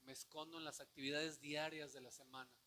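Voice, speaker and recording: A man preaching a sermon, asking the congregation rhetorical questions and swinging from quiet, low passages to loud declamation. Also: little pitch movement, brisk, slight background noise. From Mexico. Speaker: pastor.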